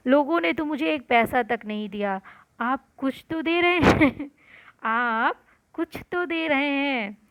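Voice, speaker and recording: A woman voicing a timid, grateful young governess who speaks slowly and humbly. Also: high-pitched, dull audio. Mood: meek.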